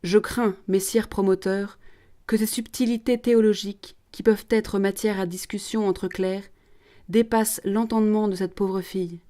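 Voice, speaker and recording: A woman voicing a stern, measured older male bishop who speaks slowly and calmly in a read-aloud play. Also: medium pitch, close to an everyday voice. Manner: slow and measured, calming.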